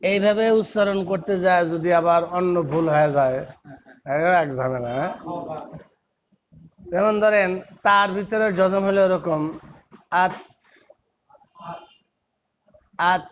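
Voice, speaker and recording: High-voiced man drilling pronunciation. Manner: repeats single syllables slowly, drawing out sounds. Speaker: Quran recitation teacher. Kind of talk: pronunciation lesson. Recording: dull lo-fi recording with faint background noise.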